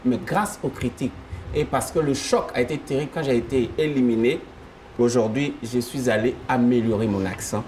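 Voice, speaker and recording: A singer whose first language is Yakuba, chatting in an interview and telling stories with a laugh. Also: male voice, mid-range voice, moderate pace, slight background noise. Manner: animated storytelling, laughing often. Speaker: gospel singer. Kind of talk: casual interview chat.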